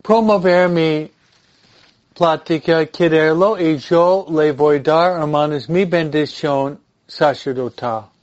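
Slow-speaking male priest with English-accented Spanish. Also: a little high, a little mellow, lo-fi sound. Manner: deliberate, halting delivery with repeated phrases. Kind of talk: informal religious talk and blessing.

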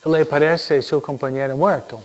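A man's voice: fairly high pitch, fairly even intonation, moderate pace. A male priest giving a humorous homily, full of jokes, laughing often and checking in with his listeners by asking "¿no?". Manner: chatty, laughing, frequent tag questions. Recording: dull lo-fi recording.

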